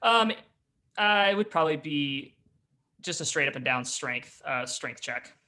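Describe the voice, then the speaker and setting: A man's voice: a little high, expressive, unhurried, background noise. A man running a tabletop game as game master, narrating with many fillers and restarts. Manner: hesitant, full of fillers, descriptive.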